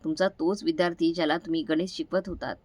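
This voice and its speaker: A woman's voice: deep voice, fairly even intonation, quick pace, a little mellow, no echo. Woman playing a kind middle-aged former student, humble, reassuring, dry sound.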